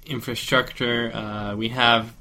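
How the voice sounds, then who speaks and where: Flat-voiced man. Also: medium pitch, slow. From Norway. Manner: hesitant, with fillers. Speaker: discussion participant. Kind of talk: casual discussion.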